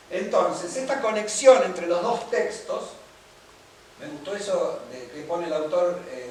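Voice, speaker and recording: Guy giving a music lecture, kinda high voice, far from the mic in a big echoey room. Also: a little hiss or hum. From Argentina. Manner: explanatory, asks listeners for agreement. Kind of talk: seminar lecture.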